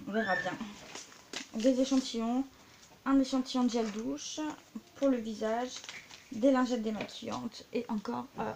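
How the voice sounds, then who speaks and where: A chatty young woman talks through her things in a casual vlog, her voice a little high and with a gravelly fry at the edges. She wanders into asides and fills pauses often. A faint hiss of noise sits under the recording. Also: darkish tone. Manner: chatty, many fillers and asides. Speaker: vlogger. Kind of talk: casual show-and-tell vlog.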